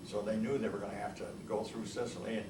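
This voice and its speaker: An older man, a veteran, is interviewed for an oral history and talks about his past; he spoke Italian at home as a boy. His voice sits lowish and flat, and he talks fast, rambling and hesitating with many restarts. The room echoes, the mic is far away, and there is a lot of noise.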